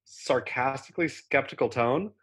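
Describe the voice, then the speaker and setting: A man from Southern California chatting casually as co-host, sarcastic and quick to mock. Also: mid-range voice, a bit bright, breathy edge. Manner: sarcastic, slides into mocking voices. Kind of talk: casual podcast chat.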